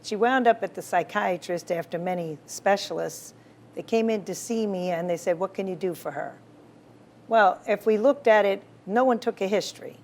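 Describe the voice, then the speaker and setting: A woman's voice: medium pitch, normal speed, darkish tone. A woman doctor being interviewed, explaining medicine and cases in a confident, explanatory way and often saying "right.". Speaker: physician, guest.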